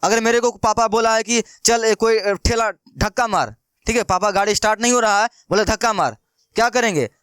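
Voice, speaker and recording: A young man with a high voice explains math like a casual classroom lesson, tossing out questions and answering them himself in a chatty, playful way. His voice is smooth and clear. The sound is dry and close, with almost no room echo. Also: fairly quick, a bit bright. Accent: Bihari Hindi. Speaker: math teacher.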